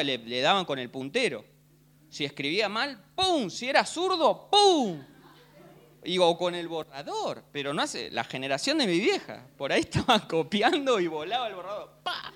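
An Argentine man preaching with a high-pitched voice that rises and falls dramatically. He tells the story in a playful, joking way and keeps asking his listeners for a "¿sí?" to confirm they follow. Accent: Argentine Spanish. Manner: animated, jokey, keeps asking the crowd "¿sí?". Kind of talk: humorous sermon storytelling.

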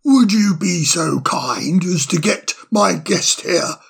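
A man's voice: high voice, takes it slowly, gravelly, fairly bright tone, husky, full character voice. A man voicing a cheerful, fussing older male owl doctor who chuckles as he fusses over a guest in a storybook reading.

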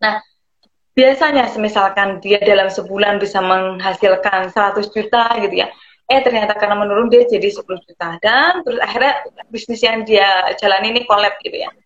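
A woman who explains things conversationally and pauses often to search for words. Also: mid-range voice, fairly bright tone. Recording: roomy, dull lo-fi sound.

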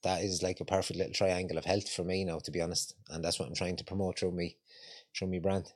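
A man's voice: low voice, level tone, fast talker. A man from Longford in Ireland with an Irish accent that has some Dublin in it, chatting casually in colloquial Irish phrases as a yoga instructor being interviewed. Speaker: yoga instructor, podcast guest. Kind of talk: casual chat.

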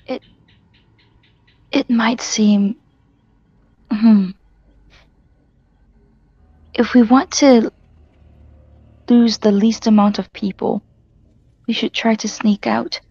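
A woman playing a tabletop game over an online call, talking slowly and thoughtfully with some hesitations. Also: fairly high pitch, steady tone, mellow, no room sound. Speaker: player. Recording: dry, dull lo-fi call audio.

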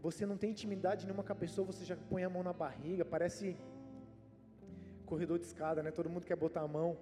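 A man's voice: high-pitched, flat delivery, fast. A male Brazilian pastor preaching a sermon in a conversational way, often tagging sentences with "né?". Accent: Brazilian Portuguese. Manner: conversational preaching, frequent "né?" tags. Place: church hall. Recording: reverberant church hall with soft music.

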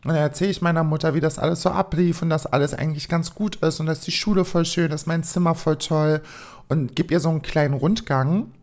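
A woman's voice: low-pitched, a little fast. A young woman telling a dramatic personal story for her vlog, acting out each line. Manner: animated, acts out every line.

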